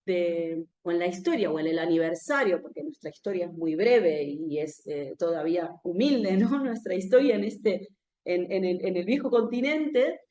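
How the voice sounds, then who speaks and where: A woman's voice: fairly low pitch, lively intonation, normal speed, mellow, lo-fi sound. A woman from Argentina with an Argentine accent giving a live public talk in a conversational way, often ending phrases with a questioning "no?". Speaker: speaker at a political talk. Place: room where a talk is held, with an audience. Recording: roomy echo.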